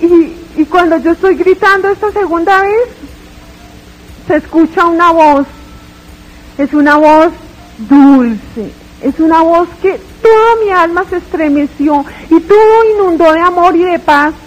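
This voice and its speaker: A woman's voice: very high-pitched, measured pace, poor audio. A woman giving a dramatic, tearful religious testimony, retelling her story with fervor.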